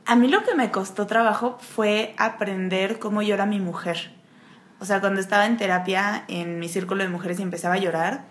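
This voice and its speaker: A woman's voice: medium pitch, steady tone, brisk, slight background noise. Mexican woman telling candid stories. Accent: Mexican Spanish. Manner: candid storyteller, acts out quotes. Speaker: podcast co-host. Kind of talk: casual chat.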